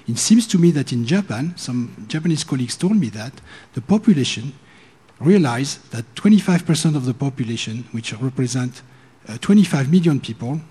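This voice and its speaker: Mellow, husky Frenchman at a conference. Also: mid-range voice. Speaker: commissioner speaking from the floor. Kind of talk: conference Q&A comment. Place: conference hall.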